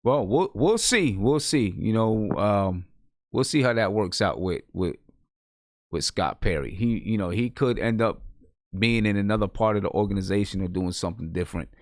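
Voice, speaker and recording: A man's voice: lowish voice, animated, normal speed, no echo, studio quality. A man hosting a sports talk show, chatting casually and asking his guests for their takes. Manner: conversational, restarts sentences, asks guests for their takes.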